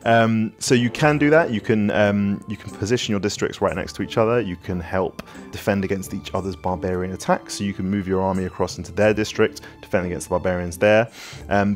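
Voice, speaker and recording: A man, a game developer, answering community questions in a casual chat, rambling through his explanations with lots of ums and you-knows. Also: low voice.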